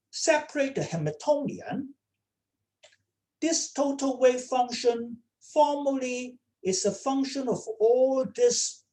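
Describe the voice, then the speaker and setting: Slow-spoken woman lecturing with many "okay?"s. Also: high-pitched, warm tone. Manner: checks in with students often, repeating "okay?". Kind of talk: online lecture. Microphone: computer mic on a video call.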